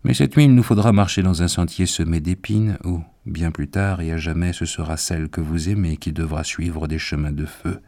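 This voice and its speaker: A man voicing a grave, patient old professor in a storybook reading, speaking in solemn, measured tones. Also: sits low, dark tone.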